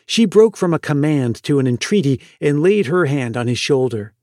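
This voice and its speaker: A man hosting a podcast and narrating a classic story in a slow, expressive way. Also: a little high, no echo, studio quality. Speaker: podcast host reading a story.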